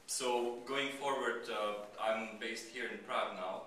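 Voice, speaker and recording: A man from Slovakia pitching his startup at a meetup, talking casually with many fillers and restarts. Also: fairly even intonation, measured pace, sharp tone, a little hiss or hum. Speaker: startup founder giving a pitch. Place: meetup venue. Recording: echoey room, mic far off, crowd behind.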